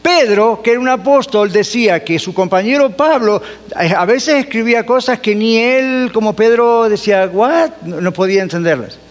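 A man's voice: sits high, moderate pace, long reverb tail. A man preaching a sermon as pastor, asking the congregation questions and answering them himself, and dropping in English phrases.

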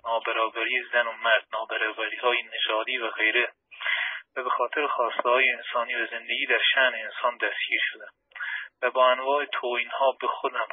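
A man giving an earnest, formal prepared statement as an activist over a telephone, with a slightly husky voice. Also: medium pitch, no room sound. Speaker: imprisoned labour activist. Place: phone call from prison. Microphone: telephone handset. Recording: tinny, muffled phone line.

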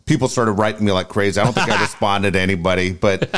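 A man's voice: fairly low pitch, fast, fairly bright tone. A man co-hosting a casual sports talk show, speaking informally with repeated phrases and some swearing.

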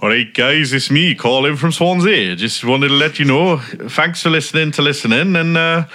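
A man's voice: a little high, normal speed, sharp tone. A man putting on a Welsh accent, voicing a cheery male caller from Swansea. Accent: put-on Welsh.

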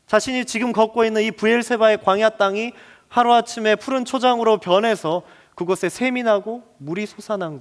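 A male pastor delivering a dramatic sermon, dropping to a hush and then building to loud, pleading passages. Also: high-pitched. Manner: dramatic, shifting between hushed and loud passages.

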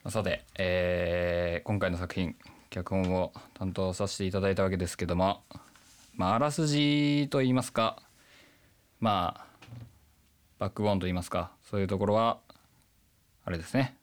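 A man's voice: low voice, normal speed, long pauses, clean tone. A man from Nagano with a put-on Kansai accent, chatting casually as the scriptwriter and joking at his own expense. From Nagano, Japan. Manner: joking, self-deprecating. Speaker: scriptwriter of a radio drama. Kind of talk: casual panel chat.

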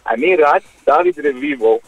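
A middle-aged man with a Croatian accent tells a football story as a radio guest. His pitch swings widely and he acts out the dialogue in broken grammar. The line sounds dry and muffled. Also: wildly swooping pitch, vocal fry, no room sound, faint music behind.

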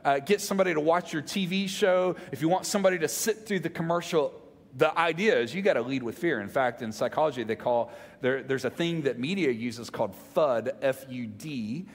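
Male preacher, Southern US accent, slightly high voice; emphatic, conversational sermon with repeated phrases, heard in a reverberant hall. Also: brisk. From Mississippi, United States. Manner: emphatic, repeats phrases, asks the audience questions. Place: large reverberant room, speaking to a congregation.

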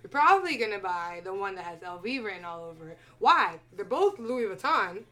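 A woman's voice: mid-range voice, very animated, a little fast, sharp tone, soft background music. A young woman talking casually as a podcast guest, opinionated and emphatic, laughing often. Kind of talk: casual chat.

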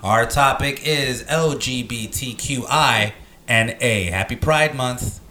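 Bright-voiced man hosting in an echoey room. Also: medium pitch, slow pace, slight background noise. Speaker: podcast host. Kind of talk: podcast introduction and panel talk.

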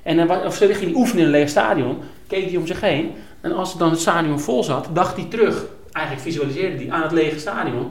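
A man, a youth football coach, telling stories animatedly in a casual conversation. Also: a little high. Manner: animated storyteller, quick to jump in. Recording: roomy.

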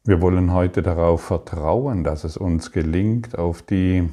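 A man giving a calm, reflective spiritual talk, speaking slowly with pauses and restarts. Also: low voice. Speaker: spiritual teacher.

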